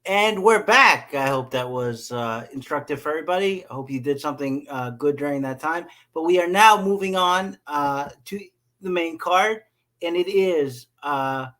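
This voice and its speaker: A man hosts a casual sports betting podcast, his voice sitting a little high for a man. He leans on fillers and restarts as he talks. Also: pushed and bright. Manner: hesitant, many fillers and restarts. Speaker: podcast host.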